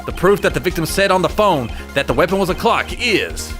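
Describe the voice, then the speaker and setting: Over game music, a man with a high, animated, slightly bright voice dubs an earnest young defense lawyer in fan-made game dialogue. His brisk delivery sounds determined and pressing.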